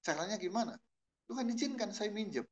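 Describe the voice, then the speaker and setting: Animated male pastor preaching. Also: quick pace. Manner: animated storytelling, jumping between low murmurs and loud exclamations; asks the congregation questions and answers them. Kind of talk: sermon. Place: church service.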